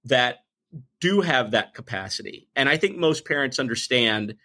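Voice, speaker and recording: A man in his forties, a podcast guest talking in an emphatic, animated way, sometimes acting out what people say. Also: medium pitch, moderate pace. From United States. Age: 40s. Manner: emphatic, animated storyteller who acts out quotes. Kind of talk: conversational interview.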